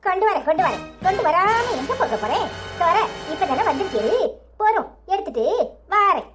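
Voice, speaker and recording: A woman's voice: extremely high pitch, sing-song, a little fast, over music. A woman voicing a bossy old village grandmother in a cartoon, scolding in a commanding manner with a Tirunelveli accent. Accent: Tirunelveli Tamil. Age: older. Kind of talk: cartoon voice acting.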